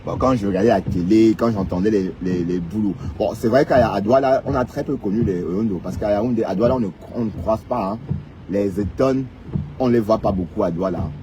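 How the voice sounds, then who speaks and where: Teasing and mocking his audience, a Cameroonian man with a Cameroonian French accent rants through a casual live stream, often adding "hein." He has a lowish voice, talks a little fast, and there's background noise.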